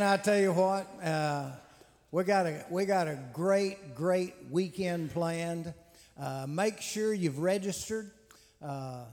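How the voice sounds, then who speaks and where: Guy, kinda high voice, folksy rambling announcements, long echo in a big hall. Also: darkish tone. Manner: folksy, repeats words, many "uh" fillers. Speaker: conference host. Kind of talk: conference announcements and testimony. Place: large hall with long reverb. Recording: reverberant hall sound.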